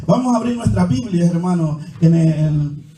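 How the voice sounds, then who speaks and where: High-voiced preacher in an echoey church. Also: male voice, expressive, moderate pace, dark tone. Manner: calls the listeners "hermano" again and again; reads scripture aloud with a running commentary. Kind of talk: sermon. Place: church hall. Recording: echoey church hall, mic far off, faint music.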